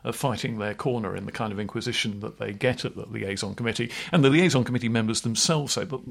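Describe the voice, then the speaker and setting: A middle-aged man co-hosts a political podcast, chatting in a wry, meandering way. His voice is fairly low and gravelly, and he talks fast.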